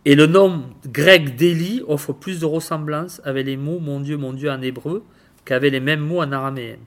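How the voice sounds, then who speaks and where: Guy preaching bible study, slightly high voice, stumbles and repeats words, keeps checking in with listeners. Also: steady tone. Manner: halting, repeats words, tags phrases with "hein"; addresses listeners directly with questions. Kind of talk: informal Bible teaching.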